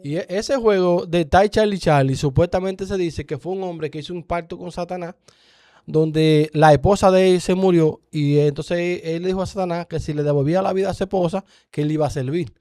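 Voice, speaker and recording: Dominican man, guest testimony, earnest storyteller, high voice, dry close sound. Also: a little fast, mellow, dry recording. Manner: earnest storyteller, acts out dialogue. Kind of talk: personal testimony in conversation.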